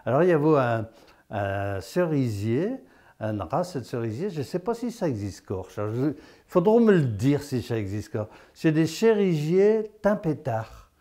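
A man's voice: medium pitch, big pitch swings, normal speed, warm tone. A man giving a folksy dialect lesson. He is chatty, tags his lines with "hein?" and laughs at his own jokes. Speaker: patois teacher on local TV.

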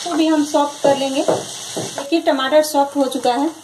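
Woman, cooking host, high voice, calm step-by-step recipe voice-over, faint hiss behind. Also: normal speed. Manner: calm, instructive, repeats each step. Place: home kitchen, over frying sounds.

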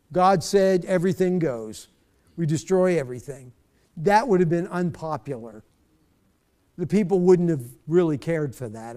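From a church stage, a middle-aged pastor teaches a bible study in a high-pitched voice that is dark, clear, and resonant. His manner is conversational, with frequent repeated words as he gropes for the next one.

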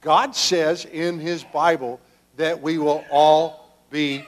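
Slow-talking older pastor with children. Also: male voice, a little high, level tone. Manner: gentle questioning of children, slow and halting. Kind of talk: children's sermon. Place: church sanctuary, children seated around him.

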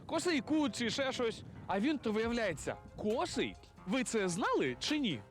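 A man working as a TV street reporter, playfully quizzing people in a lively voice-over. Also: very high voice, moderate pace, faint music behind. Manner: playful, teasing quizmaster.

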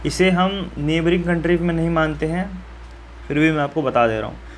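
A man's voice: a little high, fairly quick, slight background noise. A man teaching students step by step how to fill in a map, in a friendly and reassuring way, often asking viewers questions. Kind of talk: map-filling lesson for school students.

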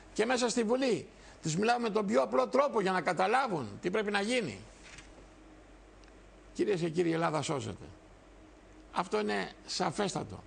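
Older male TV host, 60s, gravelly, fiery, repetitive political speech to camera. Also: sits high, a little hiss or hum. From Greece. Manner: emphatic, repetitive, addresses viewers directly. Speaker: TV show host and party leader. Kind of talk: impassioned political monologue.

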